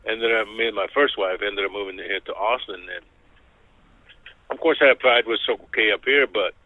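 This older man talks quickly and politely over a landline phone, his voice low and narrow. The line sounds tinny and dry, with no room around him. He answers questions in short, courteous replies. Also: no room sound. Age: 60s. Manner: polite, says "yes, sir" often. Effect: heard over a landline phone. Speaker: interview guest, store cashier. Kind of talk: phone interview. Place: convenience store.

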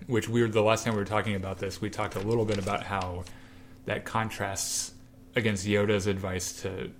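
Man co-host, low voice, animated storyteller, faint room hum behind. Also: moderate pace. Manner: animated storyteller, acts out quoted lines. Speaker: podcast co-host. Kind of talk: casual chat retelling a comic.

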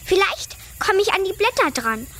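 A bright, grumbling little giraffe voiced by a woman complains in a high, sharp voice. The giraffe is chatty and dreamy, a storybook animal for children. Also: sing-song, normal speed, heavily acted.

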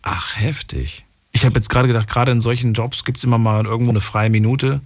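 A man's voice: mid-range voice, steady tone, a little fast. A man hosting a late-night radio call-in show, eagerly asking his caller probing questions.

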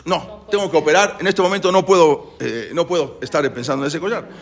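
A man doing a calm, steady woman surgeon. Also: a little high, a little fast, close to an everyday voice.

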